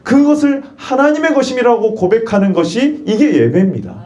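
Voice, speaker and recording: A man's voice: very high voice, lively intonation, a little fast, darkish tone. A male pastor preaching a sermon in church. He poses questions and leads the congregation in repeating phrases.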